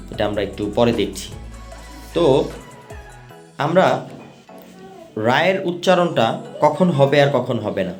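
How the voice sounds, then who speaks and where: Man teaching pronunciation, slightly high voice. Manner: patient, repeats rules slowly for learners. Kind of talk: explanatory lesson.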